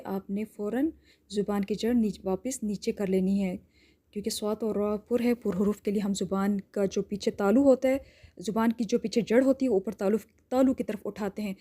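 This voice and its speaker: Patient woman tutor with a mellow voice. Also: mid-range voice. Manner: patient, explains step by step, often asks "theek hai?". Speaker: Quran recitation teacher. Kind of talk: tajweed lesson with slow drawn-out demonstrations.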